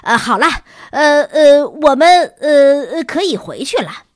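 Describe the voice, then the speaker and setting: A woman voicing a middle-aged male teacher who is out of breath, stammering and halting between words. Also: high-pitched, animated, no echo, clean studio sound, voice pushed up. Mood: breathless.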